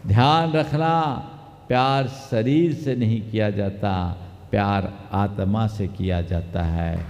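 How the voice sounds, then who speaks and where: A man, a Jain monk, preaching a sermon in a measured, emphatic way, quoting scripture. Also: on the low side, darkish tone. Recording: long hall reverb.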